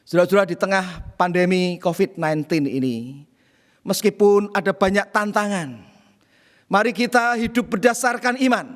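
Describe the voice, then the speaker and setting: A middle-aged male pastor with a notably high voice delivers a storytelling sermon, often turning to address his listeners as brothers and sisters. His voice carries the long reverb of a church hall. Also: normal speed.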